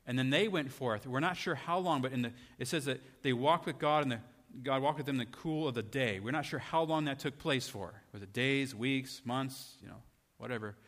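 Pitched in the middle and a touch bright, a man's voice moves a little fast with hardly any pauses as he preaches. He talks conversationally, often asking rhetorical questions, and a long hall reverb trails his words.

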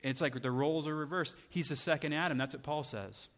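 A man's voice: fairly high pitch, fairly quick, fairly bright tone. A man preaching a sermon in a conversational way, often asking his listeners rhetorical questions. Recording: long hall reverb.

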